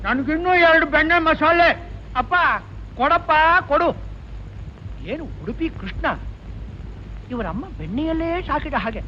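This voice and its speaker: A man's voice: extremely high pitch, lively intonation, fairly quick, slight background noise. An actor playing a put-upon restaurant owner who mutters sarcastic complaints under his breath, in 1980s film acting. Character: put-upon middle-aged man running a restaurant, sarcastic and grumbling. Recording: dull old film soundtrack.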